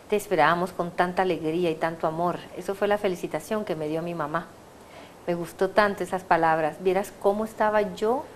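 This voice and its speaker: A woman from Guatemala with a Guatemalan accent, giving her testimony as an excited, laughing guest who trips over her words. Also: lowish voice, a little hiss or hum. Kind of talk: casual interview chat.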